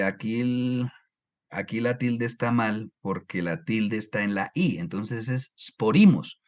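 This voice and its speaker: A Colombian man with a highland accent teaches an online Bible course from his slides, patiently working through each point. He often pauses to pose rhetorical questions and make sure students are keeping up, his voice picked up by a computer mic on a video call.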